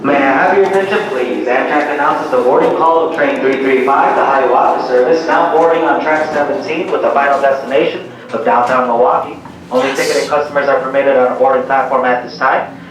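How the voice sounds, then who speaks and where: A man making a formal boarding announcement over the station loudspeaker in a large train station. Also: mid-range voice, steady tone, fairly quick. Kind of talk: public address announcement. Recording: echoey station PA from far off, noisy.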